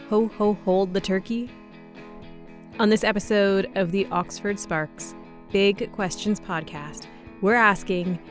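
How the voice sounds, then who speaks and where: A woman hosting a podcast, reading a playful scripted intro and asking interview questions in an upbeat way. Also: mid-range voice. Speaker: podcast host.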